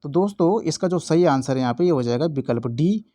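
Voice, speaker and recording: A man's voice: fairly high pitch, animated, brisk, dark tone, dry recording. A young man teaching as an exam-prep tutor, walking through quiz answers and checking in often. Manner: repetitive, checks in often with "theek hai".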